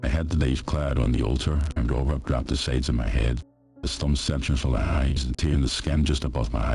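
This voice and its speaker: A man narrating a first-person horror story in a steady, measured way. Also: very deep voice, slightly rough.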